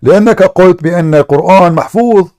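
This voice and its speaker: A man's voice: high voice, fast, a little mellow. A man hosting a call-in debate, pressing his questions again and again and relaying the caller's words to his audience in English and Arabic. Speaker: host of a call-in debate show. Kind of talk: combative live debate with a caller.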